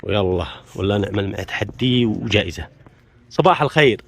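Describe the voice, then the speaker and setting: A man's voice: on the low side, animated, brisk, gravelly, slight background noise. A man with a Yemeni accent hosting an on-location vlog as a casual interviewer, coaxing and encouraging, often repeating himself. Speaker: video host interviewing people outdoors. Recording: music behind the voice.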